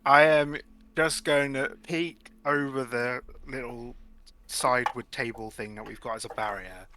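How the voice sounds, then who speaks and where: A man's voice: mid-range voice, steady tone, a little slow, noisy background. A man chatting casually as a player in a tabletop game.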